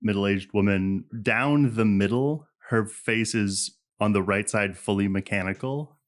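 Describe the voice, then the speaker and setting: A man narrating as game master in relaxed, descriptive casual speech, calling for dice rolls. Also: fairly low pitch, measured pace.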